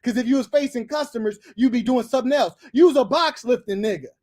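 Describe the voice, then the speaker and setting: A Los Angeles man hosting a livestream from abroad insults and curses at a caller, heated and domineering. His voice is very high-pitched, fast, and a little mellow.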